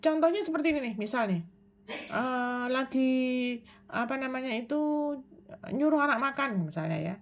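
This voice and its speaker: A woman giving a self-improvement talk, explaining in a measured way, posing questions and answering them herself, with frequent hesitation fillers. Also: high-pitched, animated, a little hiss or hum.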